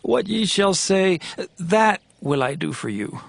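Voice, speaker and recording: A man's voice: high voice, animated, measured pace, gravelly, dry recording, full character voice. An actor playing an earnest, regal king seeking atonement in a dramatized scripture. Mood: earnest, resolved.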